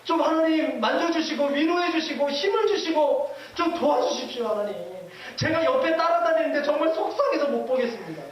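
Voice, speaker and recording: Pastor voicing the grieving Holy Spirit, pleading. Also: male voice, extremely high pitch, animated, fairly quick, hardly any pauses, muffled recording, a little hiss or hum, pitched above the performer's own voice. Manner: pleading, tearful prayer. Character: sorrowful Holy Spirit pleading for a wandering believer. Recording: echoey hall from far off.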